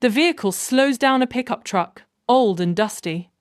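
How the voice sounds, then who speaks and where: A woman reading a scripted first-person story in a measured, even way. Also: on the high side, no echo, clean studio sound.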